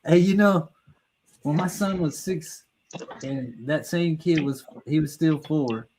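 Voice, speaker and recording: A man's voice: a little high, slow, darkish tone, slight background noise, poor audio. Laughing middle-aged man spinning a yarn. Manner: rambling, laughs through his own story; restarts and stumbles mid-sentence. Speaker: storyteller. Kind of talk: casual profane storytelling.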